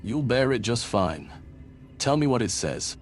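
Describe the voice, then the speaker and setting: An actor playing a steady, curious heroic adventurer in video game dialogue. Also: male voice, medium pitch, a little slow, soft background music. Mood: calm, firm.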